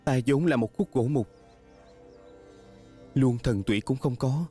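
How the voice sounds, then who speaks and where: Over background music, a man dubs a devoted young male spirit in a fantasy drama who blames himself, speaking earnestly in a solemn, sorrowful mood. His mid-range, husky voice has a warm tone and a slightly slow pace.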